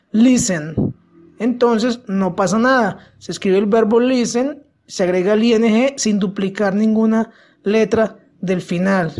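An English teacher giving a methodical, step-by-step grammar lesson in Spanish, slowing down to pronounce each English example carefully. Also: mid-range voice, a little mellow.

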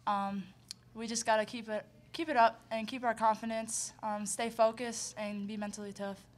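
Young woman player, flat even voice. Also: on the high side, moderate pace. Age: young adult. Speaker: college basketball player. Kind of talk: post-game press conference answers. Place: press conference room. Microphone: table mic on stand.

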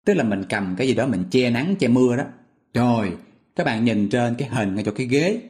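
Male teacher, mid-pitched, patient and repetitive, walks learners through each word. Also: animated, a little fast, darkish tone. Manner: patient, repetitive, asks listeners questions. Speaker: English vocabulary teacher. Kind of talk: explaining memory tricks step by step.

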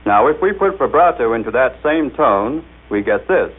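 A man at a middling pitch, jovial and explanatory, leading a scripted radio demonstration. His voice is squeezed into a thin, phone-like band, as on a 1939 broadcast recording. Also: expressive, moderate pace, slightly rough, soft background music. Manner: jovial, explanatory, coaxing the machine.

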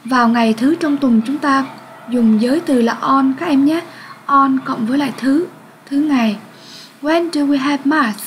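A woman with a Vietnamese accent teaching an English lesson to children, speaking slowly and clearly and sounding out words for pupils to repeat. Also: high voice, a little hiss or hum, rough recording.

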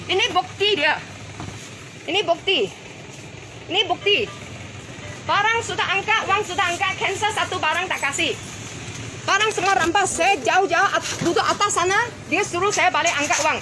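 A woman's voice: very high-pitched, normal speed, pauses often, background noise. An older woman, a customer confronting store staff as she films on her phone, repeating pointed questions. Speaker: customer filming a complaint. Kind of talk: heated confrontation. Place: small convenience store, indoors.

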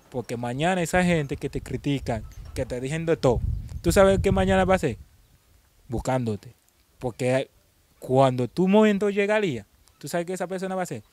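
Halting young man telling his story. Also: mid-range voice, darkish tone. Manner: halting, repeats words and restarts often. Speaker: interviewee. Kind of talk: personal storytelling in an interview.

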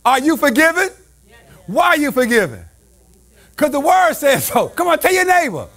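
Male pastor, very high voice with wide swings, call-and-response sermon, shouting in a sing-song preaching cadence. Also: sing-song, normal speed.

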